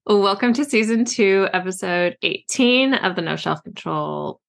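A woman who is an author co-hosts a podcast about books, chatting casually and bubbly, full of fillers and giggles. Her voice sits at a medium pitch, moves at a measured pace and sounds creaky.

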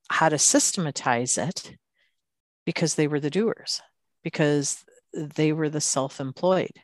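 Low-voiced woman hosting a podcast. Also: no room sound, studio quality. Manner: warm, inquisitive, laughs easily. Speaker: podcast host. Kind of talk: conversational podcast interview.

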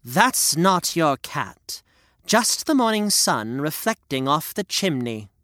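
A woman's voice: very animated, fairly bright tone, no echo, studio quality, heavily acted. A woman doing a cold, scornful stepmother. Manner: low, slow, scornful.

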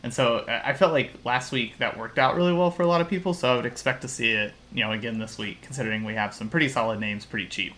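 A man talks through picks and odds in a loose, rambling podcast chat, often restarting his sentences. His voice is bright and forceful, sitting at an ordinary pitch for a man. He sounds analytical. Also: quick pace, hardly any pauses. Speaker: podcast co-host. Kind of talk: casual sports betting chat.

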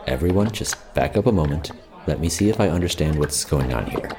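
Man acting a very deep-voiced orderly gentleman. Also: lively intonation, fairly quick. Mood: puzzled, measured. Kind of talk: scripted audio comedy drama.

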